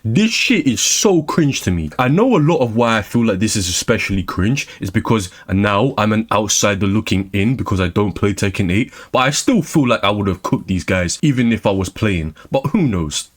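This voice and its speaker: Young male youtuber, sarcastic ranting commentary, animated pitch, drops low at line ends. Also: normal speed, few pauses.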